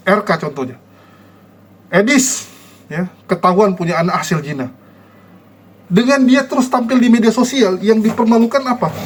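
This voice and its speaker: Guy a pretty high voice, mocking and scolding, rants casually at his viewers.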